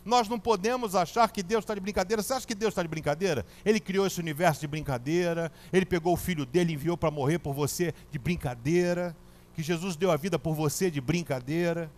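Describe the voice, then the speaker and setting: A Brazilian man preaching a sermon as pastor, colloquial and animated, telling a personal story. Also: a little high, quick pace. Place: church.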